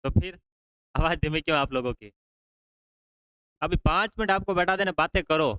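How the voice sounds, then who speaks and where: Smooth-voiced teasing teacher. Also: male voice, on the high side, normal speed, no echo, rough recording. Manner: teasing, prodding students to answer loudly. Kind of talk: classroom lecture with banter. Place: classroom.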